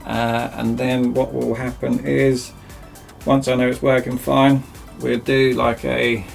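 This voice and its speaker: A man's voice: mid-range voice, flat delivery, slow, gravelly, faint music behind. A man chatting casually and self-mockingly as he rambles through a DIY project in his cramped home workshop. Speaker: DIY video host.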